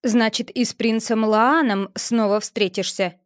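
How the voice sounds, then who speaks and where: A fatherly king, as a woman reads him, hesitant and eager to smooth things over, speaking a little lower and slower than her narration. The voice stays fairly high for a man, and the recording is close and dry. It is an audiobook character voice. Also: steady tone, dry recording, close to an everyday voice. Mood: placating. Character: middle-aged king, fatherly, hesitant and placating.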